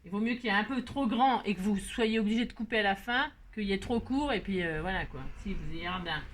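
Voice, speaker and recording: A woman's voice: mid-range voice, fairly quick, a little hiss or hum. A middle-aged woman hosting a casual crafting tutorial at her table, chatty and self-mocking, laughing at herself.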